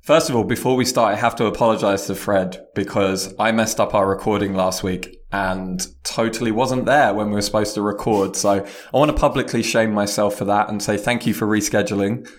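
A man's voice: lowish voice, steady tone, fairly quick, few pauses. British man echoing in a conference room. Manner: chatty and self-deprecating, laughs easily. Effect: roomy echo on the voice. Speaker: podcast co-host. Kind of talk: casual podcast chat.

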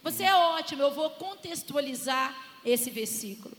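A woman co-leading a church marriage talk, telling lively stories and laughing as she preaches. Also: high-pitched, normal speed. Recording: echoey hall with long reverb and faint noise.

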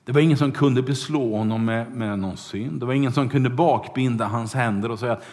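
A man preaching a sermon, retelling a Bible story with loud bursts and hushed asides. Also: medium pitch. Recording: long hall reverb.

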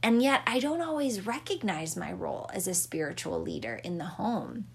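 A woman's voice: on the low side, very animated, moderate pace, gravelly, slightly rough. A young woman, a mother, giving a devotional talk in an earnest, reflective way with touches of light humor.

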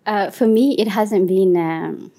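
Mellow young woman panelist. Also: medium pitch, slow pace, vocal fry. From Eritrea. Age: 20s. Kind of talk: panel discussion.

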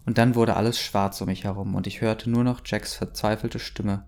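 A man's voice: lowish voice, level tone, moderate pace, a little mellow. A man reading a story aloud, breaking off for dry, mocking asides. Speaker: reader of fan fiction.

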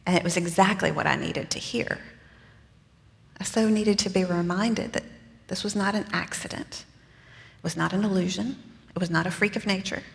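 A woman's voice: mid-range voice, moderate pace, gravelly, long pauses, in a large hall, close to an everyday voice. A woman preaching in the first person as Mary, a young mother telling her own story in an earnest, conversational way with casual asides, in a church. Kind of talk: first-person dramatic sermon monologue.

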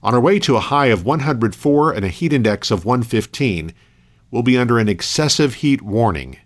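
A man hosting a local radio news program, reading scripted items in a measured, matter-of-fact way. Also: medium pitch, lively intonation.

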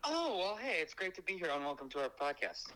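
Comedian guest, male, calling in on speakerphone, slightly high, bright and sharp-edged, easygoing jokes. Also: very animated, brisk, low-quality recording. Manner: laid-back, joking. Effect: heard over a phone on speakerphone. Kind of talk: casual phone chat.

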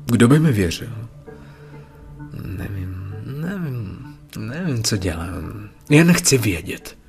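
A man voicing a terrified male prisoner locked in the dark, pleading and panicky. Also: on the low side, sing-song, creaky, soft background music. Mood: anxious.

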